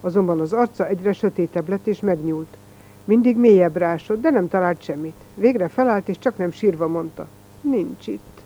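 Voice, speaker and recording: A reader narrating a first-person story in a plain, even storytelling manner. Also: medium pitch, highs cut off.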